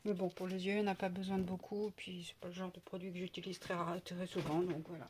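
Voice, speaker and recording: A woman's voice: on the low side, flat delivery, fast talker, a little mellow, slight background noise. A woman chatting casually through an unboxing at home, with many fillers, sometimes cooing to her pet. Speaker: beauty vlogger.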